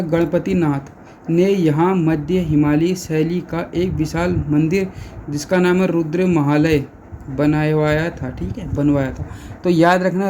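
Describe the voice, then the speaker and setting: A man's voice: on the high side, warm tone, a little hiss or hum. A male exam-prep teacher who runs through facts by asking questions and answering them himself, over and over. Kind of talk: exam-prep lesson with repetition and rhetorical questions.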